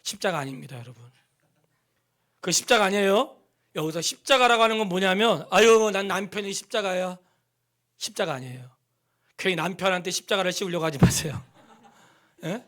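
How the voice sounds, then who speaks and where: A middle-aged man preaches from the pulpit, his somewhat high voice rising to loud emphatic peaks and dropping to near-whispers. He quizzes the congregation and has them repeat lines after him, in the measured style of a church sermon. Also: animated. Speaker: pastor. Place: church sanctuary.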